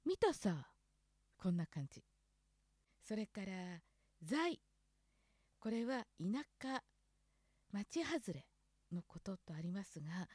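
A woman's voice: mid-range voice, warm tone, no room sound, studio quality. A woman from Hokkaido hosting a casual spoken lesson on local dialect words, thinking aloud and questioning herself as she goes.

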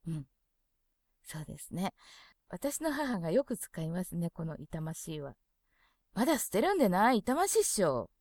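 A woman from presents a dialect lesson. She reads dictionary entries aloud clearly, then adds soft, chatty asides. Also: mid-range voice, dry recording, studio quality.

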